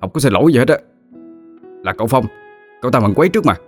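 A man's voice: medium pitch, expressive, fast, soft background music, voice pushed up, close to an everyday voice. A man voicing a hot-headed young peasant man who talks bluntly and defiantly. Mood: stubborn.

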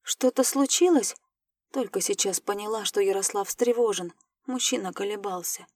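A woman's voice: mid-range voice, moderate pace, no room sound. Woman narrating a fantasy audiobook. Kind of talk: scripted first-person narration.

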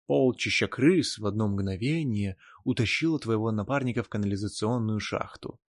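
A man voicing a nervous, impatient male shop butcher who talks in a hushed, quiet way, as an audiobook character voice. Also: on the low side, normal speed, no echo, clean studio sound. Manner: hushed, pleading.

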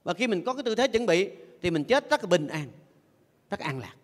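A man's voice: high voice, very animated, fairly quick. An older man, a Buddhist monk giving a playful sermon who has his audience repeat phrases after him. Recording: long echoey hall reverb.

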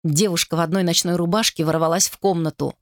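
A woman narrating a dramatic novel in a steady, measured reading voice. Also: fairly low pitch, dry recording, clean studio sound. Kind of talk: audiobook narration.

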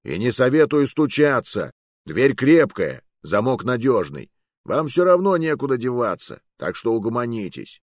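A man voicing a gruff male sailor guarding a locked door, curtly giving orders in an audiobook. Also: medium pitch, big pitch swings, moderate pace, no room sound, clean studio sound. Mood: warning. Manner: gruff, ordering people about.

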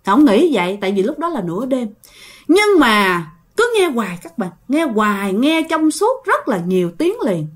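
A woman's voice: fairly high pitch, moderate pace. A woman telling a ghost story, speaking straight to her listeners. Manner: animated, addresses listeners directly.

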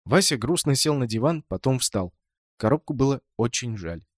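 A man calmly narrating a children's story as an audiobook reader. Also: medium pitch, normal speed, dry recording, studio quality.

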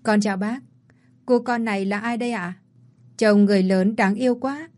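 A woman's voice: medium pitch, steady tone, moderate pace, darkish tone, lightly acted. A woman voicing a polite but sulky young fiancée in a storybook reading.

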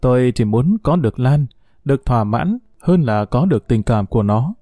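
A man narrating a first-person story in a calm, measured way. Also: medium pitch, dry recording, studio quality.

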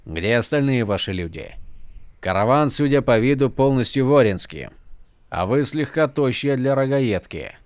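A man reading an audiobook voices a wary young soldier who grumbles in a low, deadpan way. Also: moderate pace, no echo, lightly acted. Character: gruff young male soldier on horseback, wary. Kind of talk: audiobook character voice.

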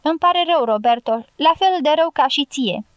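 A woman's voice: high voice, animated, dry recording, lo-fi sound, pitched above the performer's own voice. A woman reading an audiobook voices a cheerful, fawning male guerrilla hunter who exclaims and wheedles. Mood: lamenting.

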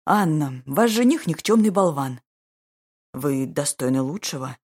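A woman voicing a young duke in an audiobook, speaking calmly and ironically in a measured way. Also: sits low, breathy edge, exaggerated voice. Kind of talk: audiobook character voice.

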